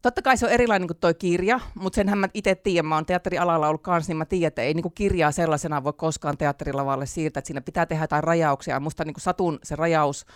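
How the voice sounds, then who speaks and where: A speaker of middling pitch chats easily as an interview guest, filling pauses with small hesitations and breaking into laughter often. The voice sits close and dry, with no room around it. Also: steady tone, no echo. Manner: chatty, many fillers, laughs often. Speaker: author and theatre teacher, interview guest. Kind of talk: casual interview chat.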